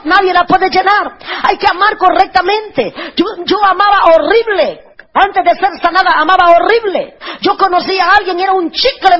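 A woman's voice: extremely high pitch, fairly bright tone. A woman preacher giving an emotional testimony sermon, telling her story with passionate outbursts. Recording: dull lo-fi recording.

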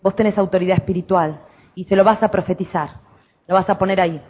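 A woman pastor with a Rioplatense Spanish accent preaching a fervent sermon, switching between shouted exclamations and quiet, intimate counsel. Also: mid-range voice, fairly even intonation, quick pace, slightly rough, phone-quality sound.

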